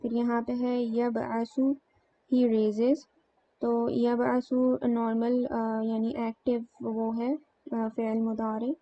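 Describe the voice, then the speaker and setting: Slow, flat-voiced woman teaching grammar. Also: on the high side. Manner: slow, explains step by step with many fillers. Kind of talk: grammar lesson. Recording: dull lo-fi sound with faint noise.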